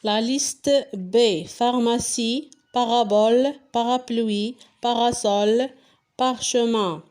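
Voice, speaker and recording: Very slow Moroccan woman teacher. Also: on the high side, steady tone, darkish tone. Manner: spells and explains answers step by step, asks questions then answers them. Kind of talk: slow explanatory lesson correcting a worksheet.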